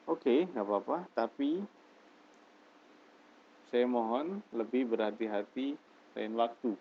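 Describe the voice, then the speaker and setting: Slow-speaking male teacher, lo-fi recording. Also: mid-range voice, a little hiss or hum. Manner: reads English example sentences slowly and deliberately, explains in Indonesian. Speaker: English teacher. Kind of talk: recorded English lesson explaining example phrases. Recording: dull lo-fi lesson recording.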